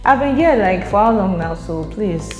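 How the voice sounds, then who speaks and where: A young Nigerian woman chats casually to the camera in a vlog, her mid-range voice animated and at a normal speed. With her Nigerian accent, she laughs often and repeats words while thinking. The room echoes, and faint music plays.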